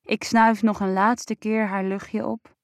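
A woman reading a first-person erotic story aloud in a slow, breathy, sensual way. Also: medium pitch, little pitch movement, dry recording, studio quality. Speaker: narrator.

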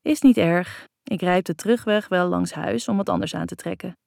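A woman reading a teasing young man, low mellow. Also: moderate pace, vocal fry, no echo, clean studio sound. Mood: playful teasing. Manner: playful, joking. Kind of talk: audiobook character reading.

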